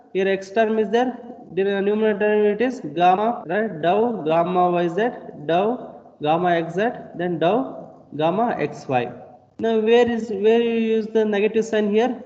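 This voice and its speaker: A man's voice: high voice, darkish tone. Man lecturing over a lo-fi call. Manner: repetitive explanatory teaching, asks rhetorical questions. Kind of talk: online engineering lecture. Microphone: video call. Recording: dull lo-fi call audio with long reverb.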